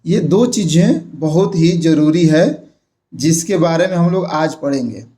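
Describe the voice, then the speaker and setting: A man's voice: fairly high pitch, measured pace, dark tone. A young man explaining a grammar lesson, repeating points and checking in with his viewers. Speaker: grammar teacher.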